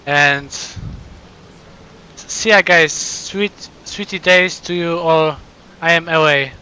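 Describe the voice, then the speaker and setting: Male live streamer, casual chat, slightly high and bright tone, grateful and excited, stumbles and repeats words. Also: slow, a little hiss or hum, poor audio. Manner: warm, thankful, excited.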